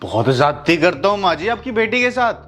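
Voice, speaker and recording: A man's voice: high-pitched, big pitch swings, a little fast. An actor playing a defiant, angry husband who taunts and insults his mother-in-law. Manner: taunting, shouting.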